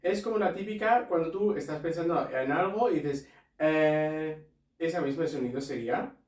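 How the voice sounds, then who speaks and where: A man's voice: on the high side, brisk, a little mellow, reverberant, recorded from a distance. A man teaching a language pronunciation lesson, explaining each rule step by step and asking listeners to repeat after him. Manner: explains rules step by step, asks viewers to repeat.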